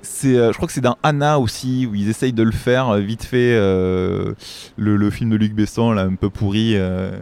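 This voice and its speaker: Low-voiced guy hosting a movie review show, worked up and rambling. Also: steady tone, moderate pace, gravelly, darkish tone, clear, resonant tone. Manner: indignant, rambling with restarts. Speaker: film review show host. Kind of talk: casual chat.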